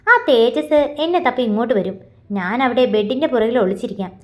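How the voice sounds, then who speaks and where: A woman's voice: a little high, expressive, a little fast, natural voice. A woman voicing Minnu, a bossy, jumpy young woman in a storybook, talking in a hurry.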